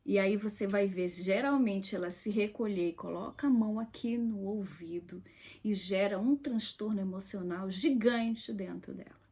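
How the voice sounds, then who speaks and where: A woman's voice: medium pitch, normal speed, dark tone, slightly rough. A woman giving an earnest teaching talk, stressing key words and dropping to a whisper now and then. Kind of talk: direct-to-camera teaching talk.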